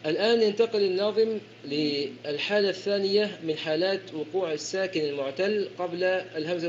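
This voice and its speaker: A man teaching the rules of Quran recitation in an explanatory lecture, often repeating and correcting himself as he goes. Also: high-pitched. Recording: dull lo-fi recording with faint hiss.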